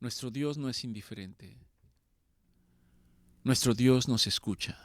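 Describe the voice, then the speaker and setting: A man preaching a sermon, swinging between loud pleading and quiet, slow passages. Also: mid-range voice, no echo.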